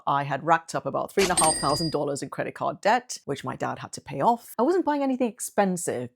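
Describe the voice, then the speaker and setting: A woman in her forties, originally from Trinidad, speaks to the camera in a low, deep voice. She tells her personal story candidly and thoughtfully at an unhurried pace. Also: darkish tone. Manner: reflective, candid, measured. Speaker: fashion vlogger.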